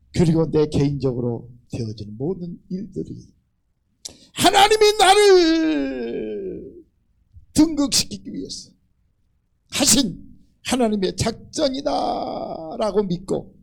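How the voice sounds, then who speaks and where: Lively, gravelly older male preacher. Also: a little high, rough recording. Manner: animated preaching, acts out quoted voices. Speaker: pastor. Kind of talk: sermon. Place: church sanctuary.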